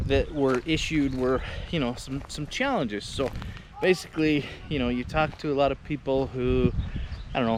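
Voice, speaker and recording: A man talking casually to camera as a vlog host, in an informal, halting, rambling way. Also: mid-range voice. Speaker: vlogger and host. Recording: noisy outdoor ambience, vehicle and river noise.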